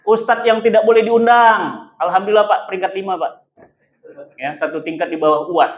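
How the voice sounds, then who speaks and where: A man's voice: high-pitched, fairly quick. A male preacher delivers a sermon, throwing out questions and answering them at once. The sound is dull and the big room echoes around him. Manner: emphatic, asks rhetorical questions and answers them himself; keeps addressing listeners as "Pak". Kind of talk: lively sermon to a congregation. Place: mosque hall.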